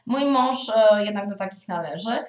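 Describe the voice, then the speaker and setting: A woman in her thirties giving a spoken review of children's books as a parent, thoughtful and hesitant, often pausing on drawn-out filler sounds. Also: medium pitch, lively intonation. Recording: echoey room.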